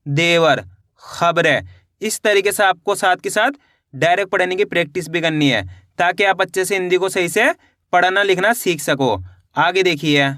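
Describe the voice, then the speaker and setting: A man's voice: on the high side, pushed and bright, dry recording, clean studio sound. A man teaching an online reading lesson, sounding out each syllable and then reading the whole word, and urging viewers to practise along. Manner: spells out syllables then reads whole words.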